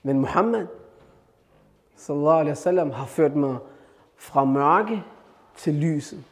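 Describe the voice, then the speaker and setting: A calm, steady young man, sure of his path and courteous even when pressed, voiced by a male preacher. His voice sits slightly high and carries a long echo in a reverberant hall. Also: lightly acted. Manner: steady and polite. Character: calm, devoted young man, firm but gentle.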